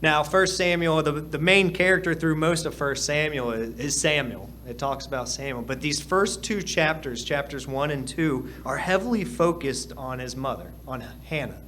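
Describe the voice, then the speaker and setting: Earnest male preacher, fairly high voice. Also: normal speed, hardly any pauses, bright, forceful tone, a little hiss or hum. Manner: earnest, repeats phrases for emphasis. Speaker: pastor. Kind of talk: sermon. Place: church hall.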